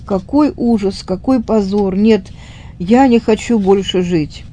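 A woman's voice: mid-range voice, unhurried, dark tone, a little hiss or hum, natural voice. A woman voicing a frightened, remorseful young schoolboy in a retold story, pleading and despairing.

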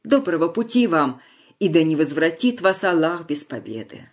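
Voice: medium pitch, sing-song, normal speed. A reader doing a hearty old village elder. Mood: rousing. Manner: loud and cheerful, solemn blessing. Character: old village elder sending young men to war, hearty.

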